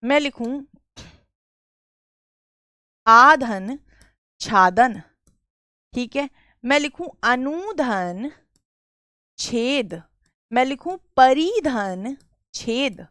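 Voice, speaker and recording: Slow-talking teacher lady from bareilly, western up accent, sore throat, kinda high voice, totally dry mic. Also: lively intonation, pushed and bright, no room sound. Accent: western Uttar Pradesh (Bareilly) Hindi. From Bareilly district, Uttar Pradesh, India. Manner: patient, repeats key phrases, addresses students as beta. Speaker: Hindi grammar teacher. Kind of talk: live online grammar class.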